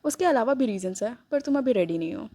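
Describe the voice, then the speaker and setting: A woman voicing a possessive, teasing young man who stays calm while threatening, in a dry-sounding recording. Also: fairly high pitch, fast talker, no echo. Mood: teasing, menacing. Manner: smirking, coolly threatening. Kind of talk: read-aloud story dialogue.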